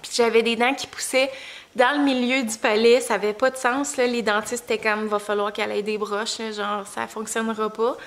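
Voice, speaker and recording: Higher-pitched Quebec woman, swollen-tongue speech. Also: flat delivery, normal speed. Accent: Quebec French. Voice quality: slightly impaired articulation from a swollen, bitten tongue. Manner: informal, chatty storytelling. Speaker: vlogger and mother. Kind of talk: casual vlog chat.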